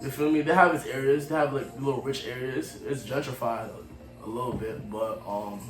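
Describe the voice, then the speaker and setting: A man's voice: mid-range voice, fairly even intonation, normal speed. A man in his twenties from Cameroon, raised in Maryland, talking as a guest singer in a casual, slangy way. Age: 20s. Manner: laid-back, slangy, often trails off softly. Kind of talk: casual interview chat. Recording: roomy echo, faint music.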